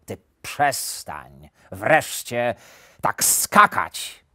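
A man voicing a grumpy, impatient wolf in a storybook, scolding slowly and sternly. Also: mid-range voice, big pitch swings, no room sound, clean studio sound, full character voice. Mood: irritated. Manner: gruff, scolding, slow and stern. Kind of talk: audiobook character voice.

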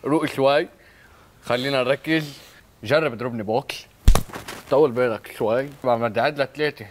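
A man's voice: medium pitch, fairly quick, slight background noise, natural voice. A man with a Lebanese accent acting a boastful, bumbling self-defense coach in a comedy sketch, tossing English words into his speech. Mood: cocky.

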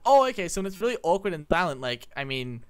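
A man with an Australian accent doing rambling, excitable gameplay commentary with a co-player, shouting when the fights get close. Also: on the high side, quick pace, smooth.

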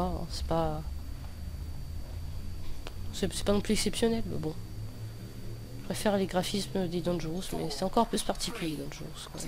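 A man's voice: high voice, vocal fry. A young man with a lisp that slurs his s sounds, giving hesitant, rambling, self-correcting commentary over gameplay. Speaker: gaming video host. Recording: noticeable background noise.

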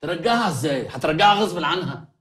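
An actor with an Egyptian accent playing an earnest, flustered groom who is easily confused. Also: male voice, fairly high pitch, animated, rapid-fire, a bit bright. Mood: bewildered. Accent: Egyptian Arabic. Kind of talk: Egyptian film comedy acting.

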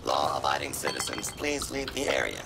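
Stern gravelly security robot. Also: male voice, rumbling low, wildly swooping pitch, moderate pace, full character voice. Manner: stern, commanding announcements. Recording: distant with loud game noise.

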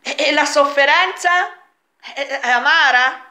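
Brief: woman vlogger, high-pitched, unhurried, presses her point with rhetorical questions. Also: pushed and bright. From Italy. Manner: rhetorical questions, emphatic and insistent. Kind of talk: argumentative monologue answering a comment.

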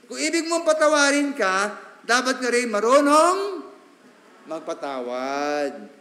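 In a church sanctuary, a male pastor gives a sermon in a sing-song, high, bright voice, switching between Tagalog and English. His delivery is conversational, full of quick asides and tag questions seeking the congregation's agreement, and the room's long reverb makes every word ring.

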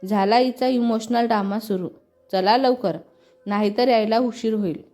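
A woman voicing a sharp-tongued young bride-to-be who answers her sisters with sarcastic retorts, in a read-aloud storybook. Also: on the high side, steady tone, normal speed, soft background music, lightly acted.

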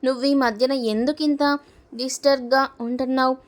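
A woman reading as a calm, patient young husband. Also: sits high, close to an everyday voice. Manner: slow, cool. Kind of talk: storybook reading.

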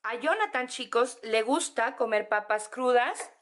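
A young Mexican woman with a Mexican accent, gushing excitedly in a casual home vlog from her apartment. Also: a little high. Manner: excitable, gushing, drawn-out words. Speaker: vlogger.

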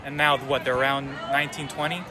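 A man's voice: medium pitch, little pitch movement, fast. Dry young man reasoning aloud. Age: young adult. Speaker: interviewee. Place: outdoors on a campus lawn. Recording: loud outdoor crowd and noise.

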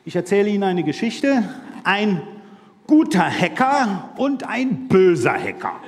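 A man giving a humorous conference talk, telling a joke while folding paper, in a large lecture hall. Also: high voice. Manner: jokey storyteller. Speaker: conference speaker.

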